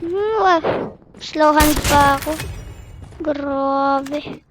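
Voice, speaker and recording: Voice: sits high, extremely slow, background noise. A young-sounding gamer gives casual, chatty commentary while playing and keeps repeating short exclamations. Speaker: gaming streamer. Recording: loud game gunfire behind the voice.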